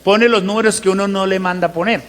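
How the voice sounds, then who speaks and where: A man preaching a teaching sermon, who asks the congregation rhetorical questions and slows down to stress scripture verses. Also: sits high, fairly even intonation, a bit bright, a little hiss or hum. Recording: long hall reverb.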